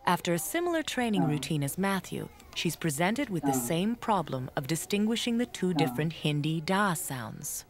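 Expressive low-pitched woman narrating a documentary. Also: crowd noise. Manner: measured, explanatory.

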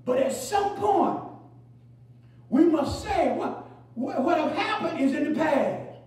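Heard from far off in a booming, very echoey space, an animated man with a very high voice preaches a sermon. He repeats phrases, fills pauses with "praise God" and "hallelujah," and swings from shouts to low murmurs as he calls for the congregation to respond.

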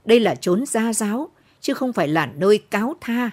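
Woman reading an indignant shouting village man. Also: mid-range voice, very animated, normal speed, pitched above the performer's own voice. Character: haughty middle-aged village man, shouting in anger.

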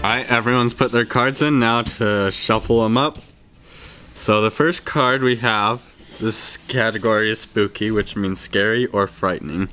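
A young adult man hosting an amateur game show with halting host patter, recorded in a room at home. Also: lowish voice, bright, forceful tone, soft background music. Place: furnished home games room, indoors. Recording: clearly noisy room recording.

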